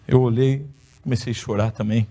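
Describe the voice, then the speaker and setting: A man's voice: medium pitch, steady tone, fairly quick, mellow. A middle-aged Brazilian man preaching in a church, telling a personal story with playful humor. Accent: Brazilian Portuguese. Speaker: pastor. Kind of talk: sermon testimony. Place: church hall.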